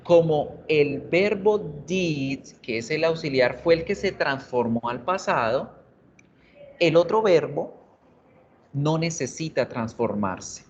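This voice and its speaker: A male English teacher giving an online class, explaining grammar in Spanish and slowly repeating English examples. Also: fairly high pitch, expressive. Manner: calls students "chicos", jokes in class. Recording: muffled video-class audio, faint hiss.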